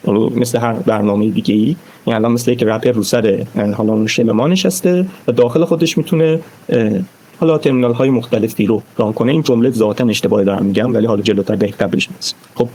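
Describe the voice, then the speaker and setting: A man's voice: mid-range voice, warm tone, slightly rough, low-quality recording. A man giving a casual screen-recorded tutorial, chatting through each step as he types commands. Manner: chatty, explains step by step while typing. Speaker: Linux course instructor.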